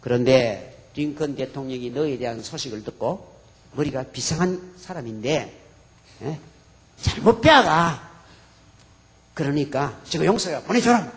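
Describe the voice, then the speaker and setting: A man doing a gruff army captain. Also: medium pitch, animated, a little slow, long pauses, in a large hall, voice pushed down. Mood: stern. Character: stern male army captain of the North.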